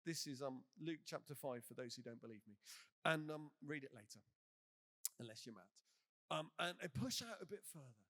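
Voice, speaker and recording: A man, a bishop, preaching a sermon with lively, animated storytelling and humorous asides. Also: a little high, normal speed. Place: church.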